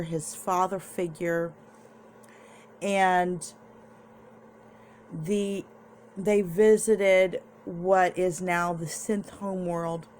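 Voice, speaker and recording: A woman's voice: lowish voice, a little hiss or hum. A young woman vlogger casually recapping and reviewing a TV episode, chatty and meandering, with restarts.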